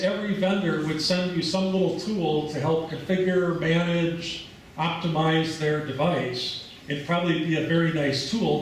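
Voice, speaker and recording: An American man with a slightly high voice gives a conference presentation, explaining at an easy, relaxed pace with some fillers. He's recorded from a distance in an echoey hall, with slight background noise.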